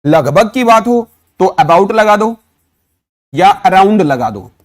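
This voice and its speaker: Slow, higher-voiced Indian teacher. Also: male voice, big pitch swings. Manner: explains step by step, quizzes the viewer with repeated questions; says English example sentences slowly and deliberately. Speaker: spoken English teacher. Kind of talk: classroom lesson.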